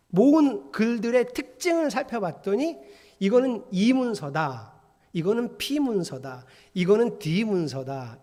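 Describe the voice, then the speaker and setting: A man's voice: high-pitched, a little mellow. A male pastor preaching a conversational sermon, asking his congregation questions and acting out the voices of the people he quotes. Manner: acts out quoted voices of students and readers. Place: church sanctuary. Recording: long hall reverb.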